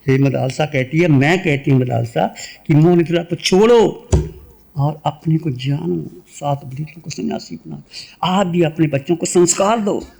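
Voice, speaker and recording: A man giving a religious sermon and a guided meditation, speaking in a measured way and repeating short phrases. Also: a little high, creaky, darkish tone. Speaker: Jain monk giving a discourse.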